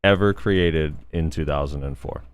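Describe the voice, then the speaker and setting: A man hosting a casual gaming podcast, relaxed and laid-back, still in his morning voice. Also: a bass voice, moderate pace, clean tone, no echo. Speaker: podcast host.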